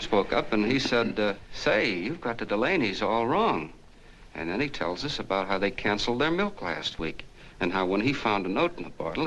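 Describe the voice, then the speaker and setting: A chatty small-town soda jerk who rambles on in a folksy way, his voice sitting very low. It sounds like an old 1940s film soundtrack with a faint hiss under it. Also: fairly bright tone, low-quality recording. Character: earnest small-town soda jerk, middle-aged man. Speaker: soda fountain clerk telling a story.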